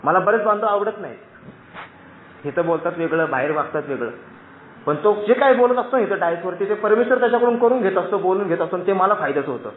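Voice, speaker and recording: Speaking fast in a high-pitched voice with lively intonation, a man in his thirties from Maharashtra gives an earnest, emphatic personal testimony from a dais at a recovery meeting, often calling out to his friends. The recording is echoey and tinny like a phone, with slight background noise.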